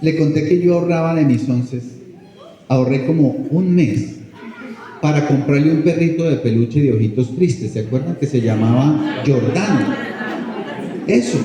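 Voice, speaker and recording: A man talks to parents at a school workshop, telling stories and asking them questions. His voice is very dark and mellow. It rings out in a big hall with a long, echoing reverb. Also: fairly high pitch, moderate pace, some chatter behind. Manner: warm storytelling, asks the audience questions. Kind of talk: informal parent workshop talk.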